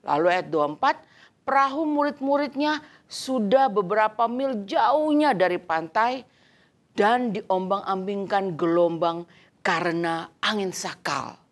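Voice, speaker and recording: A woman telling a Bible story to children in an animated teaching voice. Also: medium pitch, measured pace. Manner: animated storytelling, acting out quoted lines. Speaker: Sunday school teacher.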